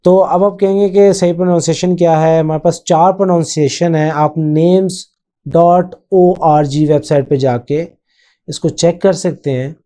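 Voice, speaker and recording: A man hosts his own channel in relaxed, off-the-cuff commentary. His voice sits somewhat high, yet the tone is deeply mellow and unforced. He rambles with frequent hesitations and drops English phrases into his talk. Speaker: channel host. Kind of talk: casual spoken commentary.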